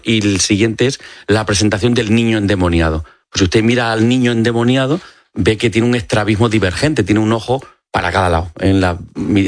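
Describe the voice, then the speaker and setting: A man's voice: on the low side, dry recording. A man from Extremadura, an eye doctor, explaining as a guest in a radio studio interview, with many fillers and restarts. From Extremadura, Spain. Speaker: ophthalmologist guest. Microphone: studio microphone.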